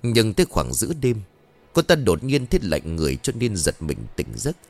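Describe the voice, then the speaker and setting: A man narrating a dramatic ghost story in an expressive, lively way. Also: on the low side, moderate pace.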